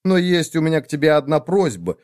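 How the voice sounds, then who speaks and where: A man's voice: a little high, sing-song, fairly quick, a little mellow, pitched above the performer's own voice. A man voicing a clever female horse who begs politely, read as a storybook tale. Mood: pleading. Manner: imploring, sly politeness.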